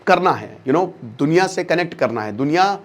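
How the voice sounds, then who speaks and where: A man's voice: a little high, animated, moderate pace. A man delivers a motivational lecture. He talks emphatically and mixes English phrases into his speech. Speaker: educator.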